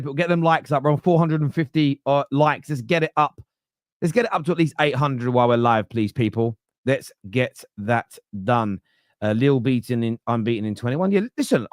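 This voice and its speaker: A man's voice: a little high, no echo, clean studio sound. A man in his late thirties hosting a live football fan podcast, chatty and joking. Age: 30s. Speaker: podcast host.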